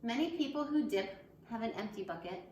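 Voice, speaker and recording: In an echoey room with faint background noise, an elementary school teacher reads a children's picture book aloud and turns aside to talk to her young pupils. Her voice sits a little high and has a darkish tone, and she speaks a little fast with lively intonation, using simple, encouraging phrases.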